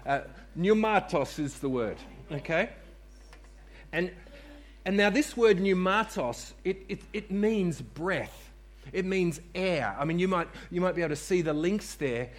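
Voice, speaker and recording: A man's voice: sits high, expressive, a little slow. A man preaching a sermon to a congregation in church, repeating key phrases for emphasis and calling on listeners to respond. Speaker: pastor.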